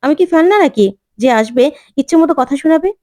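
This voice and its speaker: A woman voicing a defiant, quick-tempered young student who talks back indignantly. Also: high voice, expressive, warm tone, no room sound, studio quality, voice pushed up. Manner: indignant, argumentative.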